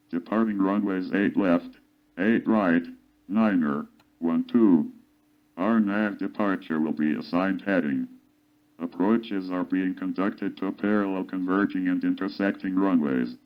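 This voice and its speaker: Low male voice, recorded airport weather broadcast, clipped aviation phraseology, dull lo-fi sound. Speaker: airport information broadcast reader.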